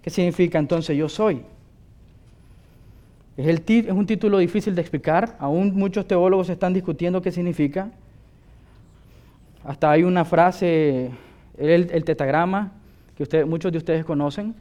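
Male pastor with a high-pitched voice, preaching an emphatic sermon. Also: normal speed, pauses often, warm tone. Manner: emphatic, asks listeners rhetorical questions.

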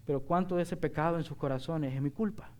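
A man's voice: fairly high pitch, fast talker, a little mellow. A middle-aged man preaching a sermon as pastor, earnest and emphatic, asking the congregation rhetorical questions.

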